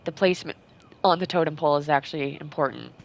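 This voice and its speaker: A woman's voice: low voice, fairly even intonation, fast talker, vocal fry. A woman giving casual, opinionated gameplay commentary as she plays, with chatty asides. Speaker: gamer, let's-player.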